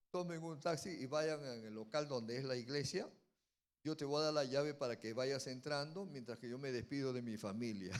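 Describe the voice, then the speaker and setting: A man, a pastor telling a story in a sermon and building to loud, emphatic preaching. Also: medium pitch. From Peru.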